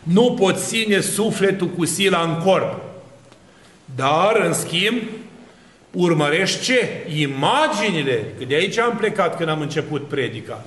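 A fairly high-pitched man gives a sermon as an Orthodox priest. He keeps asking rhetorical questions and runs through long lists. His voice rings in an echoey room. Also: expressive, fairly bright tone.

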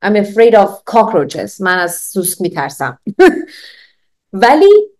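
Animated woman teaching English phrases. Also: mid-range voice. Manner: lively, laughs often, drills phrases for repetition; slows down to model English phrases clearly. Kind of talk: online language lesson.

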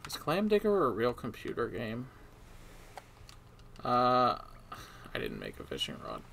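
A man streams a video game and mutters dry, sarcastic complaints at it, mostly to himself. His voice is gravelly and swings widely in pitch. Faint keyboard typing sits behind him. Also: wildly swooping pitch, unhurried, fairly bright tone, a little hiss or hum. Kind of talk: casual gameplay commentary.

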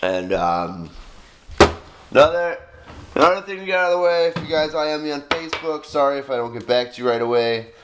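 A man's voice: fairly high pitch, lively intonation, fairly quick, background noise. Rambling young-sounding male vlogger. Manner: rambling, heavy on "like" fillers. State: just woken up. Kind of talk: casual daily vlog chat.

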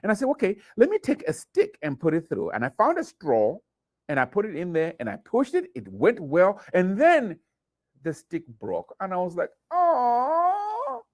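A middle-aged man from Zimbabwe tells children a story in a very lively, sing-song way, jumping high for sound effects and dropping low for asides. The sound is close and dry, recorded in a small studio at a table. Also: normal speed, no echo. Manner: animated, playful sound effects, big pitch swings. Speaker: artist and youth presenter. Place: studio with painted backdrop.

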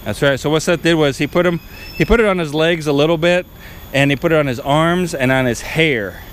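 Hiking through a tropical jungle by a river, this forties-aged vlogger narrates chattily to his viewers on a handheld action camera. He speaks a little high and fairly quickly, with slight background noise.

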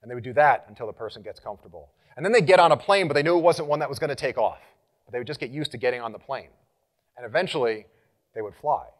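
Man giving an animated conference talk. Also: mid-range voice. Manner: energetic, engaging, leads audience exercises; animated, gets louder when rallying the room. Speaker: conference speaker.

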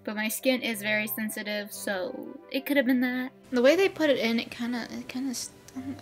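A woman's voice: on the high side, normal speed, soft background music. Young woman rambling through a casual vlog recap. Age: young adult. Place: dim bedroom indoors.

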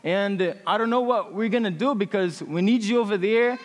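Speaking with a high voice, a Portuguese-speaking student from Brazil in his twenties tells his personal story to a congregation. He wears a headset mic in a large church hall and sounds earnest, hesitant, and filler-heavy.

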